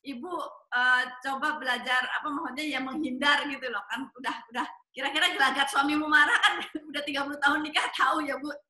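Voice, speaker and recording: Soft-spoken woman with a high bright voice, hesitant marriage advice, lots of ums, echoey room. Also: steady tone, fast. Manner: gentle, hesitant, many fillers. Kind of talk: answering questions on a talk show.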